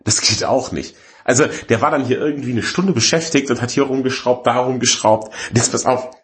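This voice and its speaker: A man casually telling a long anecdote, lively and jumping into quoted voices. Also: medium pitch, brisk. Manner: animated, jumps into quoted voices.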